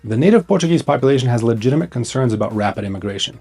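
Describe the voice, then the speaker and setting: With soft music behind him, a host who works as an immigration consultant races through scripted advice to camera. His medium-pitched voice is dark, husky and animated, and he speaks bluntly and urgently in short, emphatic, punchy phrases.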